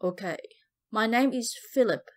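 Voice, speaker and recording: A woman voicing a hard male soldier in an audiobook, curt and cold. He gives orders in a flat, stern tone with a slightly lowered voice. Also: unhurried, close to an everyday voice.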